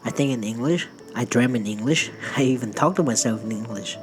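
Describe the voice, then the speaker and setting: Faint music runs behind this narrator, a Perth-based healthcare worker and native Vietnamese speaker. In a mid-range voice at a slightly quick pace, they share an amusing personal anecdote, teasing themselves in a lighthearted way.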